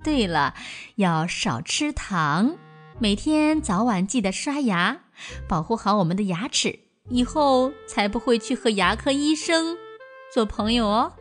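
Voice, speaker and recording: A woman reading a children's story aloud and speaking gently to young listeners as the storyteller. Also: fairly high pitch, expressive, a little slow, faint music behind.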